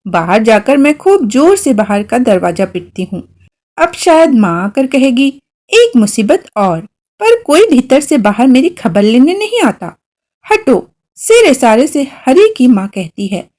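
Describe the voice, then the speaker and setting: Woman narrator, high and lively; expressive storybook reading in a girl's first-person voice.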